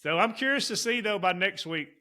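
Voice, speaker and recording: A man tells rambling stories to his podcast co-host. His voice is bright and forward and sits a little high for a man. He wanders through tangents in relaxed, casual chat. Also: brisk. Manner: rambling storyteller, Southern turns of phrase.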